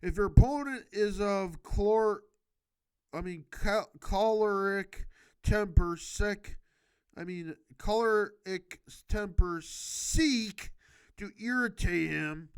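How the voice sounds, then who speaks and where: An amateur video host reads a book aloud haltingly, adding improvised casual commentary. He's a man with a slow, high-pitched, clear and resonant voice who stumbles over words, corrects himself, and speaks in an emphatic, exhorting manner.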